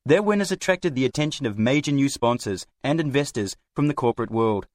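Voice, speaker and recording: A man's voice: mid-range voice, lively intonation, a little fast, no room sound, clean studio sound. A man reading a scripted sports news report in a formal manner.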